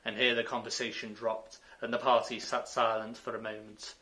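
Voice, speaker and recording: A man narrating a children's storybook chapter, measured and expressive. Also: on the low side.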